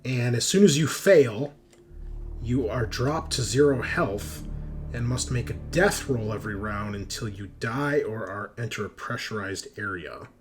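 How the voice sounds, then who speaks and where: Unhurried and mid-range in pitch, a man guides players through a sci-fi horror tabletop game, painting each scene in description and dropping casual swear words. Faint music plays behind him.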